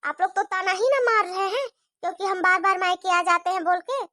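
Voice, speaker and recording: A very high, bright young daughter played by a woman, quick to complain and tell tales. She picks at her sisters-in-law in a cartoon story. The sound is dry and close. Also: fairly even intonation, no room sound. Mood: whiny. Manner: complaining, tattling. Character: young married daughter, sharp-tongued.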